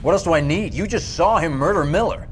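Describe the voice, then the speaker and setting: A man's voice: a little high, animated, brisk, a little hiss or hum, close to an everyday voice. An actor playing a weary, defiant army sergeant who pleads his case in a terse, urgent, exasperated way in a video game. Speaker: soldier under interrogation. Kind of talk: dramatic video game acting.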